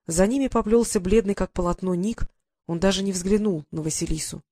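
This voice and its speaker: An audiobook reader narrating a fantasy novel in an even, clear storytelling manner. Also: medium pitch, a little fast, no echo, clean studio sound.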